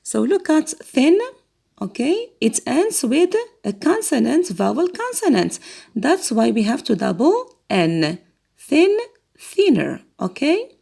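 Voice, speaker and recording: A woman's voice: sits high, big pitch swings, creaky, dark tone, husky. A woman teaching an English grammar lesson, patiently repeating words and asking learners to answer. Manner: slow, patient, repeats words for students to copy.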